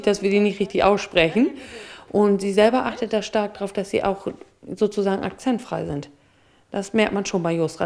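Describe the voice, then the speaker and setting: A middle-aged woman, a kindergarten staff member, calmly explaining her work in a documentary interview. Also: mid-range voice, creaky.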